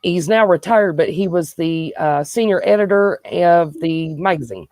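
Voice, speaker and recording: A woman's voice: fairly low pitch, animated, moderate pace, darkish tone, no echo. A woman from South Carolina with a Southern accent, chatting and telling stories on a livestream call. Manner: chatty, laughing storyteller. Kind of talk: casual chat on a livestream.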